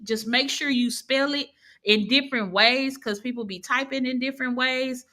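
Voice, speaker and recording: A woman's voice: sits high, normal speed, pushed and bright. A woman teaching an online class in a casual, chatty way, laughing easily and correcting herself as she goes. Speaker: online course instructor. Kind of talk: casual live teaching over screen share.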